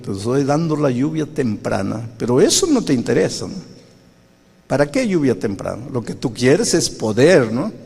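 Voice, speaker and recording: The Holy Spirit as a soft, calm, insistent male voice, put on by a Peruvian-accented preacher. It has a gravelly, husky edge. It rings with a long hall echo. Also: mid-range voice, heavily acted. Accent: Peruvian Spanish. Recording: reverberant hall.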